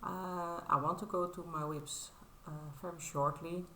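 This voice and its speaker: Speaking English on her casual show-and-tell crafting vlog, this Dutch woman in her thirties has a low, gravelly voice that sounds bright yet a bit tense, with fairly even intonation. She comes across as modest and apologetic, hesitating often, using filler sounds and restarting sentences. An echoey room and a faint ambient hum sit behind her.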